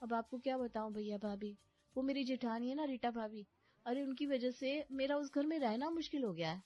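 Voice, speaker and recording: Woman doing a fed-up young wife, whiny and plaintive, kinda higher voice, music in back. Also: normal speed, dry recording, muffled recording, natural voice. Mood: complaining. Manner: complaining, plaintive. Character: younger daughter-in-law, young, frustrated and overlooked.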